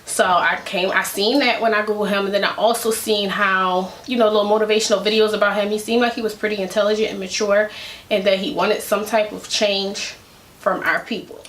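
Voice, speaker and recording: A woman's voice: medium pitch, fairly even intonation, brisk, a bit bright, a little hiss or hum. A woman vlogging from home, chatting casually and giving her opinion with rambling asides. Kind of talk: casual commentary to camera. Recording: echoey room.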